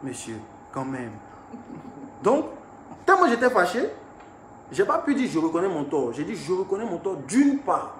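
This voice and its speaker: A young man telling his viewers about an incident. He talks in an animated way and swings between hushed and raised speech. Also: fairly high pitch. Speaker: artist recounting an incident. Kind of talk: storytelling to viewers. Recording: echoey room with faint ambient noise.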